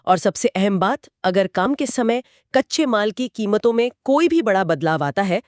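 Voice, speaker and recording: As co-host of a conversational explainer podcast, a woman with an Indian accent breaks down company financials in an assured, explanatory manner. Her medium-pitched voice is animated and a little mellow at a normal speed, recorded in studio quality with no room sound.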